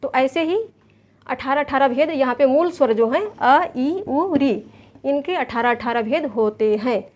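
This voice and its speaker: A woman's voice: high-pitched, measured pace, a little mellow. A woman, patiently teaching an exam lesson from a chart, repeating terms and counting them aloud. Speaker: Sanskrit exam coach. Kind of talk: recorded online lesson explaining a chart.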